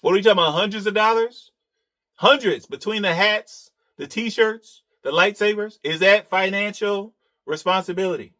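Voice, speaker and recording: A man gives reaction commentary in a crisp, bright tone set a little high. His delivery is sarcastic and needling, punctuated by chuckles at his own digs. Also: moderate pace.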